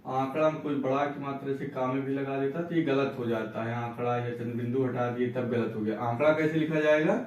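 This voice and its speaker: A man's voice: mid-range voice, a little mellow, recorded from a distance, muffled recording, slight background noise. Man teaching in a very echoey room. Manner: explains patiently, repeats words slowly, asks and answers his own questions. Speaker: Hindi teacher. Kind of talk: spelling and reading lesson. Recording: echoey room, voice away from mic.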